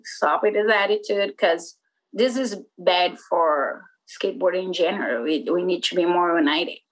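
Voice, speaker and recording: This skateboarder and former magazine publisher, a Brazilian woman in her forties, talks at normal speed in a lowish voice on a rough recording. Speaking English as a second language with a Brazilian Portuguese accent, she rambles casually through an interview, peppered with "like" and "you know."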